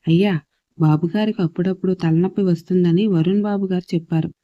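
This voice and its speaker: A woman's voice: fairly low pitch, steady tone, fast talker, no room sound, natural voice. A woman narrator voicing a flustered, respectful housemaid, on a dull lo-fi recording.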